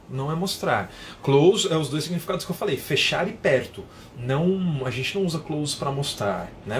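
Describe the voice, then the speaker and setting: Man, english teacher, live-stream lesson, patient explanations, phone mic, faint background noise. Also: mid-range voice. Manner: explains patiently, reads viewer comments aloud.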